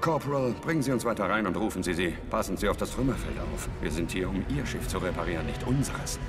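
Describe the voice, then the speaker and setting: Commanding space captain, music behind. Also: male voice, sits low, expressive, quick pace. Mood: calm command. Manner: commanding, matter-of-fact. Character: authoritative, stubborn male spaceship mission commander. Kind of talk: dramatic game voice acting.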